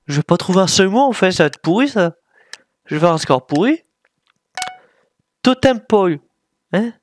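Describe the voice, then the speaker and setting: A man's voice: high voice, expressive, normal speed, slight background noise. A man giving casual gameplay commentary, thinking aloud while he plays and mocking himself with frequent apologies. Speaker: gaming YouTuber.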